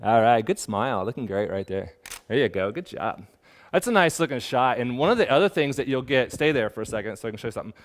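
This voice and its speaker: A man's voice: mid-range voice, lively intonation, fast. A man who is a portrait photographer, teaching in his studio while directing a model in a casual way, with many fillers. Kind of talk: hands-on studio demonstration.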